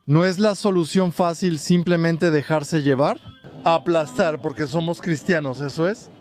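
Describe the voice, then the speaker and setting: A man interviews passers-by on the street, asking probing and deliberately provocative questions. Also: fairly high pitch, darkish tone, faint music behind.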